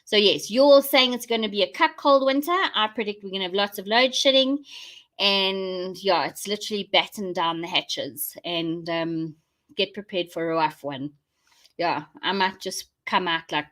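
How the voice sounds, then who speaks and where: A woman's voice: lowish voice, moderate pace, a bit bright. A South African woman hosting a casual live chat for her viewers, rambling and thinking aloud as she goes. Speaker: host of a live online show.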